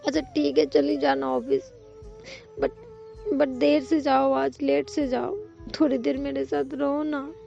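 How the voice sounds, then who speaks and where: A woman's voice: high-pitched, little pitch movement, unhurried, gravelly, muffled recording, faint music behind, voice pushed up, exaggerated voice. A woman voicing a weepy, clingy young girlfriend. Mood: pleading. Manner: soft, weepy, pleading.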